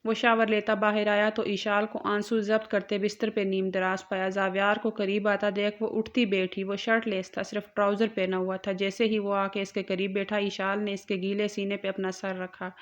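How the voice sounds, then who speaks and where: A woman narrates a romance novel in a steady, scripted storytelling manner. Her voice sits in a middle pitch, and the recording is slightly dull and lo-fi. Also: few pauses. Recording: muffled lo-fi recording.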